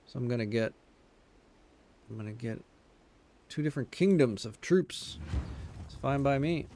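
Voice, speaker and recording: A man's voice: medium pitch, a little slow. A man streaming a game, chatting casually and talking to himself and his viewers as he plays. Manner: rambling self-talk to viewers. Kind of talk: casual gameplay commentary. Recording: loud game noise behind.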